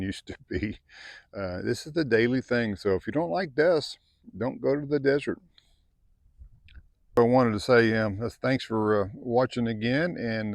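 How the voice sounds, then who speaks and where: Man, middle-aged, low gravelly voice, dry close sound, casual rambling vlog, outdoors. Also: dry recording. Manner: easygoing, rambling, many fillers. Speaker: vlogger. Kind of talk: casual vlog talk to camera. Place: outdoors at a desert camp.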